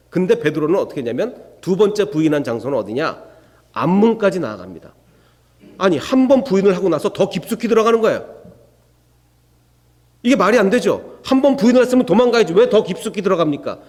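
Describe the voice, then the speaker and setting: A man's voice: a little high, big-room sound. A man preaching an expository sermon as a pastor, who asks his congregation rhetorical questions and acts out the people in the story. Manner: acts out the quoted speakers in a lively voice. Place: church sanctuary.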